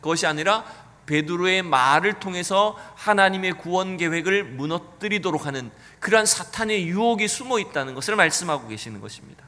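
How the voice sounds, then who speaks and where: With a high, animated, sharp voice, a male pastor preaches briskly with few pauses, earnestly asking his congregation rhetorical questions. The sermon takes place in a church sanctuary, and the hall adds long reverb to the recording.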